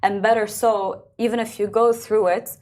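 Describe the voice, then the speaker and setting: A young adult woman who grew up in Belgium, a singer talking about her life in a relaxed, chatty interview, full of filler words. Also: mid-range voice, moderate pace. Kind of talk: casual interview conversation.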